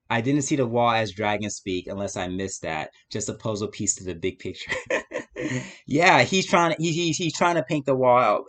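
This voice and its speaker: A man's voice: fairly low pitch, a bit bright. A man hosting a live stream with casual, opinionated commentary, preaching his views, repeating phrases for emphasis and often checking in with the listener.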